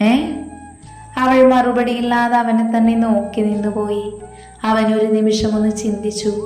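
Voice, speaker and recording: A woman narrates a romance story in an even, unhurried reading voice. Her tone is mellow and her pitch moves little, sitting a bit high. The room echoes and faint music plays beneath. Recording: roomy echo, faint background music.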